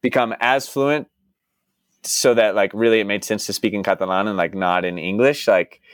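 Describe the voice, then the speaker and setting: A man from Dallas, in the United States, rambles as a guest in a casual interview, leaning heavily on "like" and restarting his sentences. His voice is fairly low and steady at a moderate pace, recorded dry with clean studio sound.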